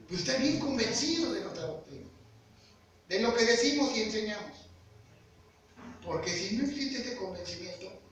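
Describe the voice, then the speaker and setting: A man preaching a sermon, earnestly asking the congregation questions. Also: sits high. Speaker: lay preacher. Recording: echoey hall, far-off mic, background noise.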